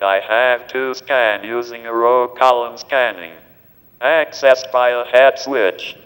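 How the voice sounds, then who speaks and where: Slow digitized male computer voice. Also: medium pitch, a bit bright, clear, resonant tone. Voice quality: synthetic, digitized text-to-speech voice. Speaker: panel speaker using a communication device. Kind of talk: pre-recorded prepared speech. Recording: reverberant hall playback.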